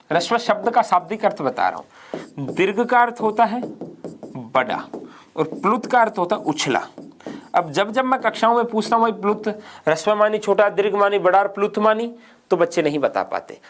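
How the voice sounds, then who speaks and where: A man's voice: sits high, slight background noise. A man teaching a grammar lesson for exam students, asking questions and answering them himself and repeating key points. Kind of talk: exam-prep grammar lecture.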